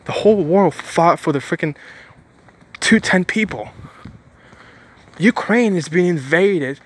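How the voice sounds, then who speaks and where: A man with a somewhat high voice delivers a preachy motivational monologue. He hammers his points home by repeating phrases and keeps restarting sentences as his thoughts run ahead. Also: lively intonation, takes it slowly, breathy edge. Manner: emphatic, repeats phrases for stress; rambling with frequent restarts.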